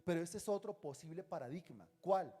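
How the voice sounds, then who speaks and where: A male pastor preaching a sermon in a lively, teasing way, often putting questions to the congregation. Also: on the high side, a little fast, husky.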